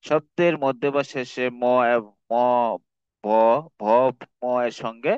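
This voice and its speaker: Man tutoring, repeating words slowly. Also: medium pitch, clear, resonant tone, no room sound, lo-fi sound. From Bangladesh. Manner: reads rules then repeats example words slowly. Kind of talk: classroom grammar lesson.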